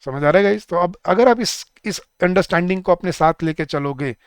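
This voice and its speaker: A young man teaches grammar in a live online class, with a fairly high, smooth and clear voice. He keeps asking his class questions and slows down to read example sentences. The sound is dry and close to the mic. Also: dry recording. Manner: lively, asks the class many questions; reads English example sentences slowly. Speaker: English teacher for bank exams.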